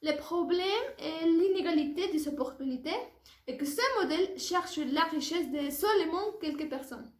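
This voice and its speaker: An extremely high-pitched woman from Puebla, Mexico, in her early 20s, speaks at a moderate pace. A native Spanish speaker with a Mexican accent, she is a language student giving a formal, careful prepared presentation in an echoey room.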